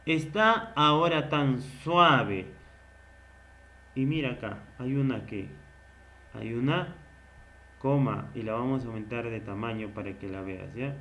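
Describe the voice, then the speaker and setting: A man teaching literature in a recorded lecture. He asks questions and answers them himself, and he repeats key words slowly. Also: fairly low pitch, a little mellow, slight background noise.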